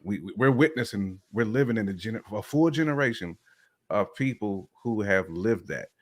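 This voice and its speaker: A man with a Southern American accent co-hosts a casual podcast chat, his fairly low voice animated and moderately paced. He's laid-back and slangy and says "like" often.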